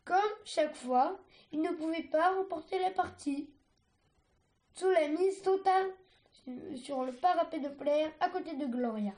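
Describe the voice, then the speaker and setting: A woman reading a storybook aloud, haltingly, with restarts. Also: high voice, darkish tone. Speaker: reader.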